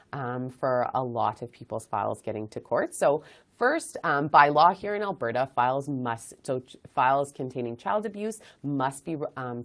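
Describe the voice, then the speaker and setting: A woman hosting an informational webinar, explaining her program steadily with frequent ums. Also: low voice. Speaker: webinar host, child advocacy director.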